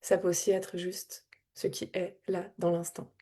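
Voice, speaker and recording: A woman spiritual coach talking casually and reflectively to her audience, wandering through her thoughts with frequent repeated words, soft laughs and heartfelt emotion. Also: fairly low pitch, level tone, unhurried. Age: adult with a child. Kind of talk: casual spontaneous reflective talk.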